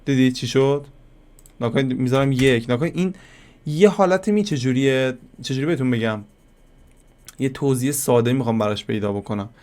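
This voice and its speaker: A man giving a casual screen-recorded software lesson, talking to viewers like friends and thinking aloud as he clicks through settings. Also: medium pitch. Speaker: software tutorial instructor.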